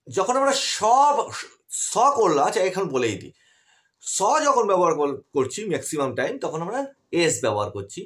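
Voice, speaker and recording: A man's voice: fairly high pitch, big pitch swings, moderate pace, a bit bright. A man teaching English grammar in an online class, explaining patiently and asking his students questions as he goes.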